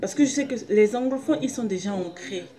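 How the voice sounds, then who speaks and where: A woman's voice: mid-range voice, animated, brisk, dark tone. A woman preacher in gives a personal, insistent sermon, repeating phrases and questions and often groping for words. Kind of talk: personal video sermon, exhorting listeners.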